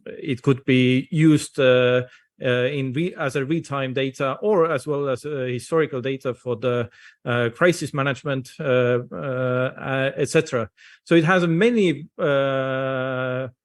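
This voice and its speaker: Man, English, halting conference talk over a video call, mid-pitched. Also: fairly even intonation. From Estonia. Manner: hesitant, frequent "uh" fillers. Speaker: invited speaker. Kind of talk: conference presentation.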